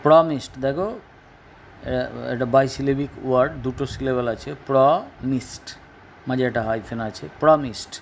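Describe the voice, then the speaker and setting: A man with a Bengali accent teaching an English lesson, explaining each word slowly and spelling out syllables. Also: medium pitch, fairly even intonation, darkish tone, a little hiss or hum, low-quality recording. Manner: slow, deliberate, spells out words and syllables.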